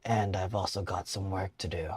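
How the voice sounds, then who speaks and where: A man's voice: deep voice, fairly even intonation, normal speed, breathy edge, no room sound. A man voicing a young adult traveler in a story game, chatting casually. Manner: casual, friendly small talk.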